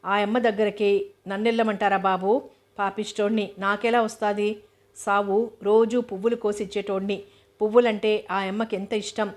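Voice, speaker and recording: A woman's voice: mid-range voice, level tone, lightly acted. A woman voicing a humble old gardener. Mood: sorrowful. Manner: slow rustic village speech.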